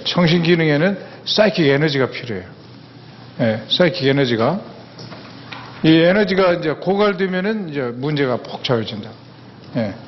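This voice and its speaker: Male lecturer, folksy and plain-spoken, fairly high voice, dull lo-fi sound. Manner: folksy, plain-spoken, with frequent affirming "yes" fillers. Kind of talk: public lecture on mental health. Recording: dull lo-fi sound with long hall reverb.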